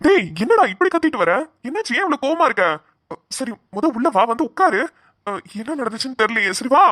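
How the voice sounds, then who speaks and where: A woman voicing a patient, bewildered middle-aged father in a cartoon, trying to calm a friend. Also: high voice, a little fast, dry recording, clean studio sound, heavily acted. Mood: puzzled. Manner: puzzled, placating. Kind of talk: cartoon voice acting.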